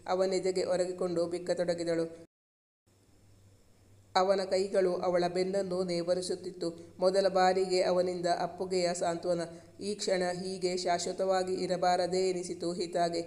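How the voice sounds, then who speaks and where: Man, story narrator, scripted reading, high voice, flat delivery. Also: unhurried.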